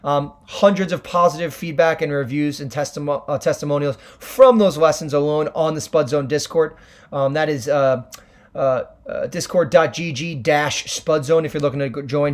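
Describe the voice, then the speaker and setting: Hoarse man explaining trades on a livestream. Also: a little high. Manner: chatty, many ums and restarts, explanatory. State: hoarse from screaming at games. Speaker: livestream trading host. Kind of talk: casual Q&A livestream, answering chat.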